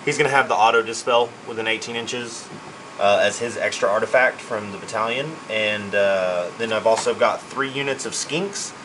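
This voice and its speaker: A man's voice: on the low side, normal speed, noisy background. A man casually listing the units in his tabletop army, informal and correcting himself as he goes. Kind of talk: casual list rundown.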